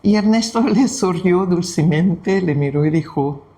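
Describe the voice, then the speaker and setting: In a high-pitched voice, a slow, gentle spiritist study presenter from Brazil tells stories during a devotional talk. He speaks Spanish with a Brazilian Portuguese accent, Portuguese being his first language, and his unhurried delivery is full of pauses.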